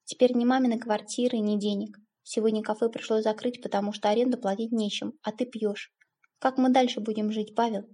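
A weary young wife in a storybook, as a woman narrator voices her, speaking coldly and flatly. Her voice is husky and gravelly with a dark tone. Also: fairly high pitch, a little fast. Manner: cold, weary. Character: tired, cold young wife under forty.

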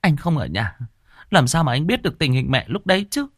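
A man's voice: fairly high pitch, expressive, unhurried, breathy edge, no room sound, studio quality, voice pushed up, full character voice. A man voicing an anxious younger sister, flustered and stammering. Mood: upset.

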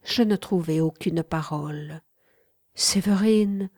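A woman reads a classic novel aloud in a slow, hushed way, often sinking into a whisper. Her voice sits a little low. The recording is dry and close to the mic. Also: dry recording. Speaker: audiobook narrator. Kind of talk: literary audiobook narration.

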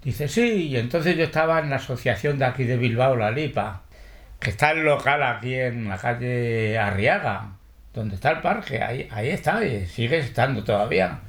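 An older man from Spain, interviewed about his past, telling lively stories full of salty slang and quoting others as he goes. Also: mid-range voice, normal speed. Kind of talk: oral history interview.

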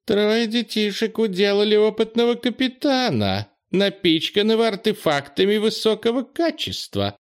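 A man voicing an old male guard's helper in a high squeaking voice, from an audiobook. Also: expressive, normal speed, few pauses. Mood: approving.

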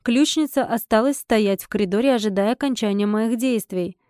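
A woman narrating a first-person fantasy audiobook in an expressive, wry manner. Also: a little high, normal speed, no room sound, clean studio sound.

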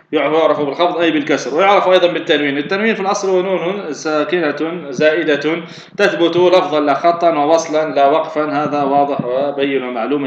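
Guy teaching grammar fast, keeps asking himself questions, roomy echoey lo-fi recording. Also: on the high side, a bit bright. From Tunisia. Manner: explanatory, asks himself questions and answers them, many fillers and restarts. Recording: echoey, dull lo-fi recording with faint noise.

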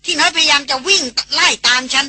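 A woman's voice: sits high, steady tone, a little fast, sharp tone, no echo, pitched above the performer's own voice. A woman reading an audiobook voices a hot-tempered man who grumbles bluntly about a trek companion. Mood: irritated.

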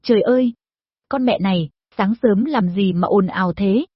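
A woman voicing a nosy, chatty older village woman who pries into her neighbor's business, in a shrill, gossipy manner, for an audio story. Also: moderate pace, breathy edge, dry recording, natural voice. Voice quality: shrill, prying. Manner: gossipy, scolding, probing. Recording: dull lo-fi recording.

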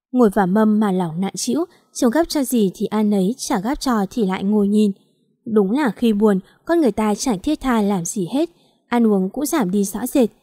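A woman's voice: medium pitch, mellow, no echo, clean studio sound. A woman narrating a first-person story in a chatty, sassy, colloquial way.

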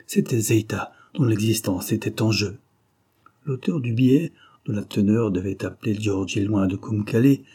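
A man reads a novel aloud with expressive storytelling. His voice is low, dark and husky. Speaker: audiobook reader. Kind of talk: scripted narration.

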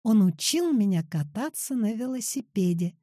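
A woman voicing a lively, proud old grandmother who tells stories with playful boasting. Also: mid-range voice, moderate pace, dry recording, studio quality, lightly acted.

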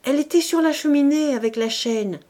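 A woman voicing a fussy, anxious middle-aged bourgeois wife in an audiobook, speaking in a shrill, fretful way. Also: a little fast, dark tone, lightly acted.

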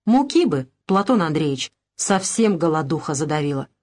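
A woman's voice: low-pitched, big pitch swings, moderate pace, darkish tone. A woman voicing a poor old peasant man who pleads plaintively for bread, reading a storybook. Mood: pleading.

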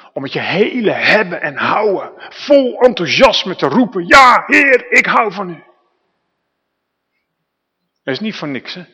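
A man's voice: on the high side, a bit bright, husky, lo-fi sound. A man preaching a sermon in a conversational storytelling manner, with asides to the listeners. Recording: reverberant church hall.

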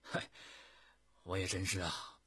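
A man's voice: deep voice, monotone, takes it slowly, a bit bright, husky, no echo, full character voice. A man voicing an impassioned embattled commander. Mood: self-reproaching. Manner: impassioned, raised declamation. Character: embattled male commander, proud, tearful, sharp-tempered.

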